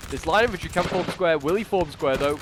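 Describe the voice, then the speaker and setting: A congested man with a cold chats casually through a game battle, thinking aloud with lots of fillers. His voice sits a little high and moves fairly quickly. He's on a new desktop microphone, with the game's gunfire and artillery making the background noisy.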